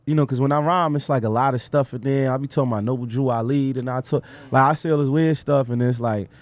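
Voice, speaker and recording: A man's voice: mid-range voice, steady tone, quick pace. A man in his twenties with a New York accent, chatting casually as an interview guest in a laid-back, drawling way. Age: 20s. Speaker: rapper guest.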